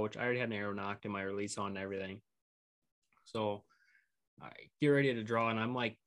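A man's voice: fairly low pitch, a bit bright. A man co-hosting a podcast, telling a hunting story in a loose, rambling way with lots of fillers and restarts. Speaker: podcast co-host recounting his hunt. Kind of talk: casual storytelling.

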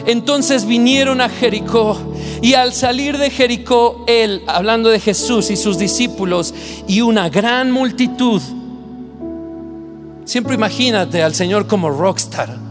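A male preacher with a high voice delivers his sermon slowly and deliberately. His passion builds until he shouts and nearly sings his appeals. Instrumental music plays steadily behind his words. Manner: impassioned, shouting and half-singing at peaks. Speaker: pastor.

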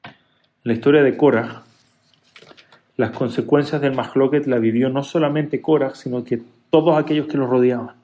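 A man teaching a religious class who tells stories in an animated way, moving between loud emphasis and soft asides. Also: medium pitch, normal speed, highs cut off. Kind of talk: Torah class.

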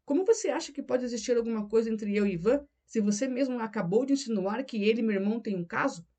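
A woman narrator voices a conflicted young wife, defensive and pleading in her denials. The voice is fairly high, mellow and warm. It is an audiobook character read by the narrator herself. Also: fast, lightly acted.

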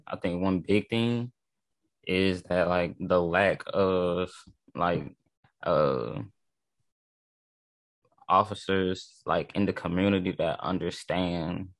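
A man with a very low voice, recorded close and dry, talks casually. He is halting and slangy, often circling back over a phrase before finishing it. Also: dry recording. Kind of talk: casual discussion.

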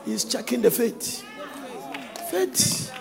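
High, singsong preacher with a gravelly voice. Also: male voice, huge pitch swings, takes it slowly, long reverb tail, a crowd in the background. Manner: singsong, shouting, laughing preaching. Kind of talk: sermon.

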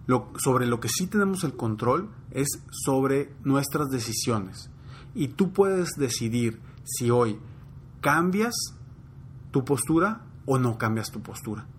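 A man's voice: mid-range voice, animated, slow, a little hiss or hum. A man with a Mexican accent giving a conversational motivational talk, telling personal anecdotes and speaking straight to the listener.

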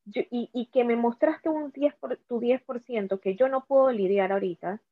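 A woman's voice: a little high, normal speed, no echo. A woman with a Panamanian accent talking earnestly about her illness, often repeating words. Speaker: cancer survivor guest. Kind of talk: conversational talk. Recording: tinny phone-like audio.

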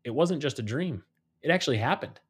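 A man telling supernatural stories in a podcast conversation, animated and acting out the voices of the people in them. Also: fairly high pitch, brisk, slightly rough. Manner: animated storyteller, acts out quoted voices. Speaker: guest.

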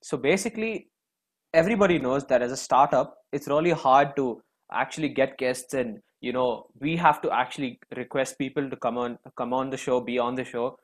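A man's voice: medium pitch, fairly quick. A young man hosting a podcast in casual chat, rambling and self-deprecating. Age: young adult. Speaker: podcast host.

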